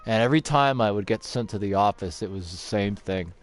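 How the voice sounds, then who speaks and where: A man's voice: on the low side, a little fast. A middle-aged man telling a rambling school story, profane and emphatic. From Canada. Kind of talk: casual storytelling monologue.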